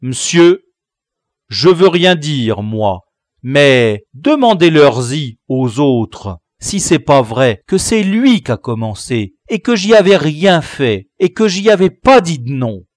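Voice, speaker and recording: A man's voice: fairly high pitch, big pitch swings, takes it slowly, no room sound, studio quality. A man voicing an indignant young schoolboy protesting his innocence to the teacher in a storybook. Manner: protesting, pleading.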